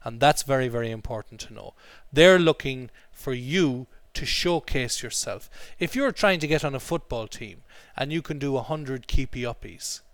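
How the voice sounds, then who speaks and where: A man's voice: medium pitch, fairly bright tone, clear, resonant tone, no room sound. A man teaching an English class, explaining vocabulary and drilling pronunciation with repeated phrases. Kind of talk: classroom language lesson.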